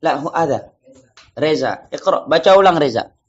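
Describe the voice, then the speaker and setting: A male teacher leading a class, reading phrases slowly and explaining them casually. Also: a little high, expressive, slightly rough, muffled recording. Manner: drills phrases slowly, students repeat. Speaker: Arabic teacher. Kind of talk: classroom lesson.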